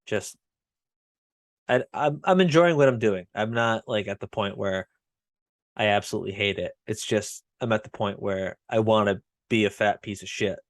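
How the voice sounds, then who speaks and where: Podcast co-host, male, low-pitched, blunt and self-deprecating, dry close mic. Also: normal speed, no echo. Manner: blunt, self-mocking, swears casually. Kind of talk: casual chat.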